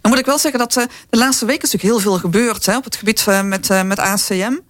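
A man's voice: sits high, fast, dry recording. Guy from the dutch south talking on a panel, lots of ehm's and tags, dry close sound. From southern Netherlands. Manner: lively, uses many fillers and rhetorical tags. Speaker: company representative. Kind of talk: panel discussion.

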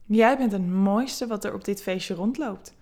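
A woman's voice: mid-range voice, a little slow. Ask for a woman playing a teasing seductress. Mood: flirty. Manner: playful, teasing, soft seductive voice.

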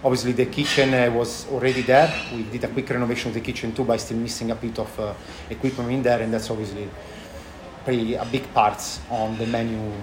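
Casting: male interviewee, thick Italian accent, halting conversational delivery, roomy sound, light background noise. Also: mid-range voice, flat delivery. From Italy. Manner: halting, non-native phrasing. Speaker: chef and restaurant owner being interviewed. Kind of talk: casual interview answers. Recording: echoey room with background noise.

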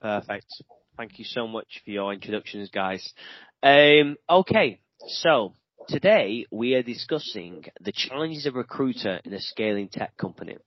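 A man's voice: mid-range voice, lively intonation, moderate pace, dry recording. Male podcast host, chatty and upbeat, dull dry lo-fi recording. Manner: upbeat, chatty, laughs easily. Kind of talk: casual podcast hosting.

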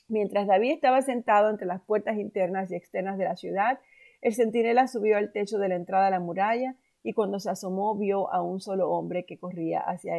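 A woman narrating a Bible story in a measured, calm storytelling manner. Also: medium pitch, gravelly.

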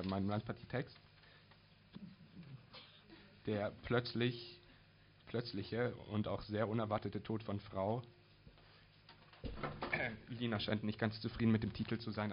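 A man with a low voice introduces and reads his own short story in a casual, halting way. The sound is dull and lo-fi. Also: little pitch movement, background noise. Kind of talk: live reading of a short story. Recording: dull lo-fi recording.

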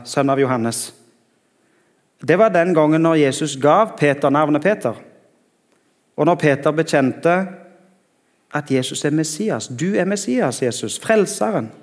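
Male preacher, middle-aged, slightly high voice, long church-hall reverb, conversational sermon. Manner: conversational, searching for words.

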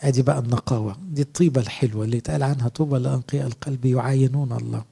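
A man's voice: mid-range voice, fairly even intonation, very fast, creaky, warm tone, breathy edge. A middle-aged man with an Egyptian Arabic accent, preaching a sermon as a priest, earnest and asking his listeners rhetorical questions.

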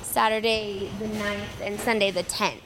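A woman's voice: medium pitch, fairly even intonation, a little slow. Woman chatting casually in a location interview. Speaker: family farmer and business owner being interviewed. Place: on location at a distillery. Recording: background noise on location.

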